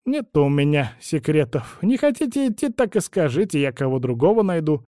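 A man's voice: high voice, very animated, moderate pace, mellow, no room sound, studio quality, pitched above the performer's own voice. A man doing a cranky old witch. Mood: grumpy. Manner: cranky, evasive, sing-song. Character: grumbling cunning old witch woman.

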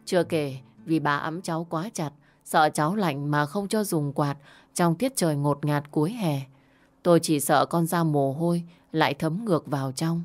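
A young woman narrating a first-person story in a calm, plaintive way. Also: low voice, normal speed. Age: young adult. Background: faint music.

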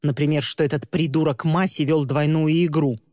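A woman voicing a cruel woman villain who mocks and scorns in a low, dark voice. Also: steady tone, moderate pace, no room sound, clean studio sound, in a large hall. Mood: scornful. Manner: sneering, contemptuous, mocking.

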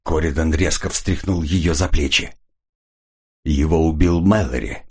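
A man narrating a hardboiled detective audiobook with steady, expressive storytelling. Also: extremely low pitch, unhurried, husky. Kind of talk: scripted narration.

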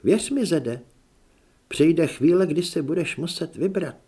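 A hard-edged young woman with a blunt, scolding tongue, as a male reader puts her on. The pitch rises and falls in lively swings, and she cuts her words short and curt. It is a storybook voice, lifted a little above the reader's own. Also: breathy edge.

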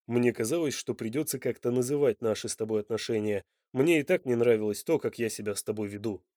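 A man's voice: mid-range voice, fast, warm tone, dry recording, studio quality, close to an everyday voice. A man playing a blunt, passionate, demanding Italian lover in an audiobook. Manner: blunt and insistent.

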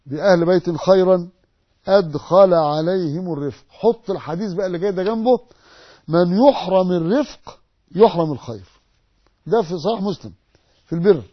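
A man preaching a sermon lesson in an Egyptian accent, emphatic, posing rhetorical questions and repeating sayings slowly for emphasis. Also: high voice, breathy edge, highs cut off. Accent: Egyptian Arabic. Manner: emphatic, asks rhetorical questions and answers them.

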